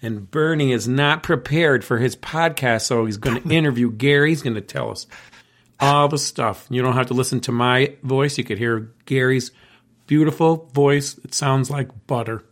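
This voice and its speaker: A man's voice: medium pitch, normal speed. A man hosting a history podcast, upbeat and rambling, often laughing. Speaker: podcast host. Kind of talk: casual podcast chat.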